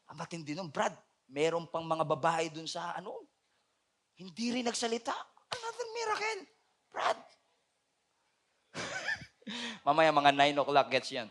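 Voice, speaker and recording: Bright-voiced Filipino male pastor preaching. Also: a little high. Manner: Taglish preaching, swings from shouting to quiet joking asides. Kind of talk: sermon.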